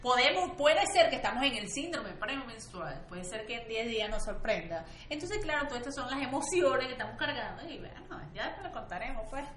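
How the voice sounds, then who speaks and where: A Venezuelan woman co-hosting a casual podcast chat, playful and quick to laugh. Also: a little high, lively intonation, reverberant, crowd noise. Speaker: podcast co-host. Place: studio.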